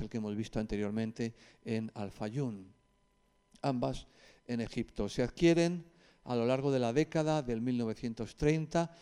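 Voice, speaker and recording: Warm, clear and resonant, this man's mid-range voice carries a Spanish accent. He gives a group an informal, instructive talk marked by hesitant pauses and side remarks.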